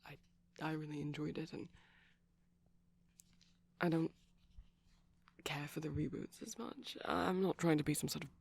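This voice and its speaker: This is a fairly high-pitched man keeping a steady tone as he voices a shy, gentle vampire in an ASMR boyfriend roleplay. He rambles haltingly and softly, his breathy speech often falling to a whisper.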